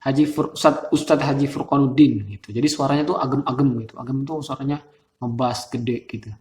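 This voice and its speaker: A man's voice: mid-range voice, fairly quick, darkish tone. Chatty man with a thin, reedy voice. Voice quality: describes his voice as thin and reedy. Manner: chatty, laughs often, many fillers. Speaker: host. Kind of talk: casual explanatory talk. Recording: roomy echo.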